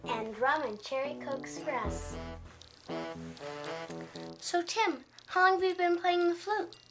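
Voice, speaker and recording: Eager teenage girl, pleading, insistent, high-pitched, music playing behind. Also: lively intonation, slow pace. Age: teens. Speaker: [name].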